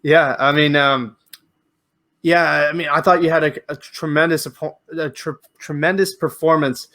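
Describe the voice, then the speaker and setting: A man's voice: a little high, steady tone, moderate pace, bright, forceful tone. A man hosting a podcast, asking long questions with frequent restarts and fillers. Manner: rambling questions with many restarts. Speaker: podcast host. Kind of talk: casual interview.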